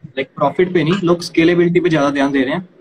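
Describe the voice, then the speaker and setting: A young man casually explaining startup funding to a co-host, talking quickly and animatedly. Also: a little high. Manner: rapid, animated, addresses partner as yaar and bhai. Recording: noisy background ambience.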